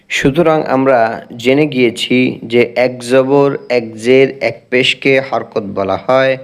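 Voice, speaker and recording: A man teaching Quran reading, drilling Arabic letter sounds one by one in an instructional lesson. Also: mid-range voice. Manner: recites Arabic in a drawn-out chant.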